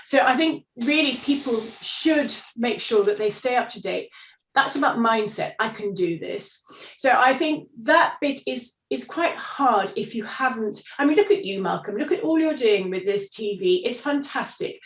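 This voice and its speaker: A woman in her sixties, a guest who is an unretirement expert, chats in an encouraging way during a casual interview, full of "sort of" and "you know". Her voice is on the high side and expressive, at normal speed. The audio sounds roomy, distant and dull.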